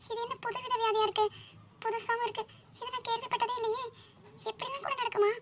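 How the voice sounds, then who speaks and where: Woman voicing a very high-pitched, stubborn young heroine. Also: flat delivery, fast, very noisy. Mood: sleepy. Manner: dismissive, exasperated, chatty. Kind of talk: cartoon voice acting.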